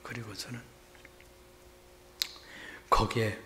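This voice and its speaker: A middle-aged male pastor preaching a Sunday sermon, retelling a story and acting out the shouts of its people. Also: on the low side, flat delivery, takes it slowly, noisy background.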